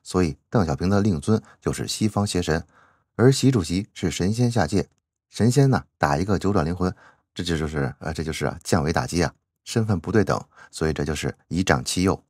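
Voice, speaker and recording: A man's voice: low-pitched, animated, fairly quick, a little mellow, no room sound, clean studio sound. A man giving chatty commentary as he reads out a classic novel, drawing out his sentence-final particles. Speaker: channel host.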